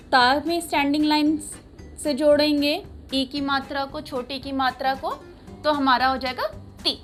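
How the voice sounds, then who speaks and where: A woman's voice: high-pitched, a bit bright. A woman teaching young children a writing lesson, patiently asking a question and repeating each sound.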